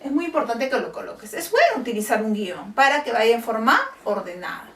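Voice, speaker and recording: Woman teacher, high voice, friendly tone, checks in with kids, echoey room, mic set back. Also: big pitch swings, brisk, a bit bright, distant mic. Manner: friendly, asks short checking questions. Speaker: primary school teacher. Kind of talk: teaching a class to children on camera.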